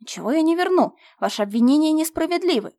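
A woman's voice: fairly high pitch, fairly quick, no echo, studio quality, natural voice. Woman voicing a furious thieving estate manager. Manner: loud, indignant shouting. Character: blustering thieving male estate manager, middle-aged.

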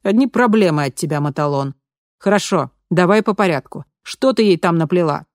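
An audiobook reader voicing a stern, irritable man with a high voice who snaps and threatens slowly. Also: lively intonation, no room sound, studio quality, lightly acted. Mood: irritated. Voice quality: high male voice. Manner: stern, snapping, slow threats. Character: stern irritable man, gang fixer, menacing. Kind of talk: audiobook character voice.

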